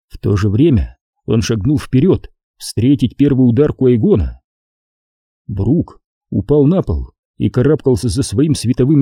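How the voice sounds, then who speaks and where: Husky, dark-voiced male narrator. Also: medium pitch, dry recording, studio quality. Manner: steady, expressive storytelling. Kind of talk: audiobook narration.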